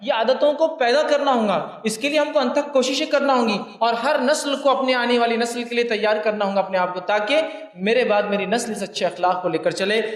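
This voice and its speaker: A man giving a religious lecture to his listeners. He repeats his points for emphasis and speaks to them directly. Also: very high voice. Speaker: preacher. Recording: echoey hall, mic at a distance.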